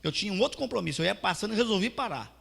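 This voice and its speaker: A male pastor preaches a testimony sermon, his voice gravelly and bright. He swings from hushed storytelling to loud, fervent preaching. The church hall rings with long reverb. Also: high voice, animated, racing.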